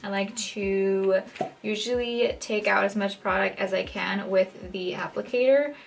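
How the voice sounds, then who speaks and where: A young makeup tutorial host talks through a casual how-to at home before a mirror, her voice raspy and a little croaky from a dry throat, possibly a cold coming on. She's medium-pitched, steady in tone and unhurried overall, though she's chatty, says "like" a lot and often changes pace. A faint music bed plays behind her.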